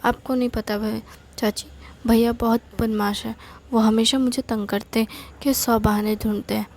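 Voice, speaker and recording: A woman's voice: fairly high pitch, flat delivery, moderate pace, darkish tone, a little hiss or hum, natural voice. A woman playing a pouty little sister. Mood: complaining. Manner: pouty, complaining. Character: cheeky young girl, quarrelsome little sister.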